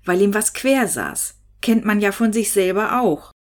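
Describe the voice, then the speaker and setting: A woman voicing a sensible adult woman who speaks firmly and calmly. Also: medium pitch, unhurried, pitched above the performer's own voice, lightly acted. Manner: firm, level-headed.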